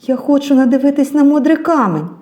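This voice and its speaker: A woman voicing a young village girl, gentle and steadfast, pleading slowly and earnestly. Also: sits high, lively intonation, pitched above the performer's own voice. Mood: wistful.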